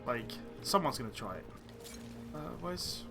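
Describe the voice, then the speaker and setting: A man's voice: mid-range voice, big pitch swings, measured pace, over music. A man streaming a video game, chatting and thinking aloud as he plays, rambling between choices. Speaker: gaming streamer. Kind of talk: let's-play commentary.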